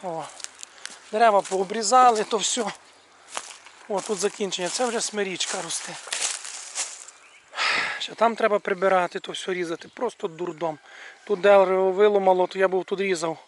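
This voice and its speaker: A man's voice: high-pitched, moderate pace, pauses often, a little hiss or hum. A man giving a casual walk-and-talk video tour outdoors in his rural yard, chatting to viewers and pointing things out as he goes. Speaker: video blogger showing his village yard. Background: faint birdsong and outdoor sounds.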